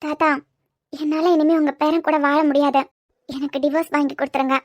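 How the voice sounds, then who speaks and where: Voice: sits high, little pitch movement, brisk, dry recording, close to an everyday voice. A voice artist playing a tearful, stubborn young wife in a cartoon serial, with a Kanyakumari Tamil accent. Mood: pleading. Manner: pleading yet stubborn.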